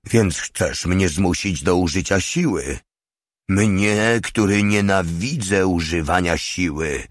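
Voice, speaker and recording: A man's voice: sits low, takes it slowly, no echo, studio quality. A man voicing a hulking, brutal male soldier who bellows in pompous, mock-righteous outrage in an audiobook. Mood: outraged.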